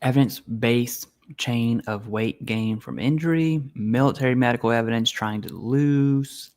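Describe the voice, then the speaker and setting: Streaming from home while he eats, a man with a medium-pitched, darkish voice talks at a normal speed. He reads out questions from viewers in a casual live Q&A and gives blunt, informal answers.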